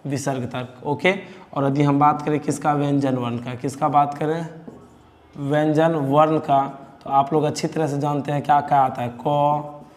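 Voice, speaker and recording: A man's voice: on the high side, little pitch movement, moderate pace, a little mellow, big-room sound. A male teacher with a Bihari Hindi accent giving a grammar lesson, asking questions and answering them himself, repeating key words.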